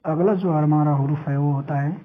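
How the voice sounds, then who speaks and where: A woman teaching the alphabet in a slow, patient drill, repeating each letter and checking in with her learners. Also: low voice, fairly even intonation. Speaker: Urdu teacher. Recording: tinny phone-like sound.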